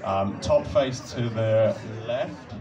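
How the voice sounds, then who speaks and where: A young adult man with a fairly low voice talks a crowd through a cube solve on an outdoor stage at night, handheld mic in hand. He is patient and polite, giving slow instructions and laughing softly. The audio is dull, recorded from a distance amid crowd sounds and music.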